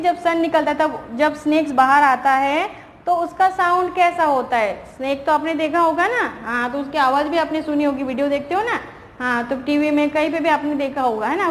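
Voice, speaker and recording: High-voiced woman teacher, patient questions. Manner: patient, asks and answers her own questions; reads English lines slowly, explains in Hindi. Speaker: primary school teacher. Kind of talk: recorded online class lesson. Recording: reverberant room, faint background noise.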